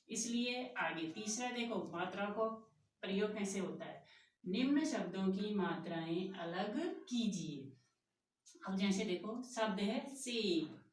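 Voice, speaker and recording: Woman, primary teacher; slow, patient lesson delivery with question-and-answer drills; echoey room, distant mic. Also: mid-range voice. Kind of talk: Hindi grammar lesson for young children.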